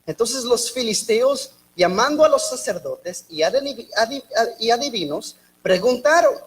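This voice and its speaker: A woman delivers a church sermon in a high, bright voice. She talks haltingly, repeating and restarting words as she goes. She breaks into lively, joking asides between her points. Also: breathy edge, low-quality recording. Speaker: preacher.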